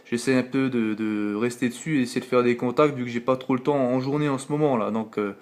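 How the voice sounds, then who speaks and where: Late at night on the CB, a man with a French accent talks quickly, his medium-pitched voice holding a steady tone while he rambles casually, full of filler words. The operator speaks into his home radio mic, recorded on a phone.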